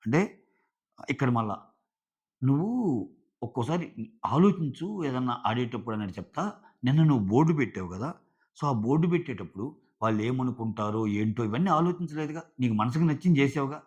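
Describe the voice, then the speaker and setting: A man's voice: mid-range voice, lively intonation, a little fast, pauses often, darkish tone, husky, lo-fi sound. A man giving a casual recap of a reality show, retelling scenes by quoting people.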